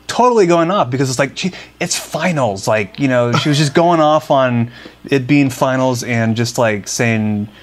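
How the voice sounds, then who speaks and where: A man's voice: medium pitch, moderate pace. A young man co-hosting a casual podcast, rambling with frequent restarts and fillers. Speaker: podcast co-host. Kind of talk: casual chat.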